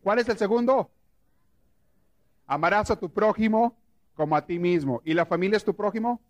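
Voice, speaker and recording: At an ordinary speed, a priest with a high voice leads a prayer course before a live group. He tells lively stories and quizzes his audience with questions.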